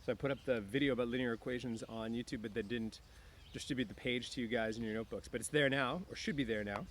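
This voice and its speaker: A fast-talking man with a medium-pitched voice and fairly even intonation reads a book aloud to students outside near some woods and chats with them casually. His delivery is that of a relaxed teacher, he clears his throat often, and outdoor noise comes through clearly.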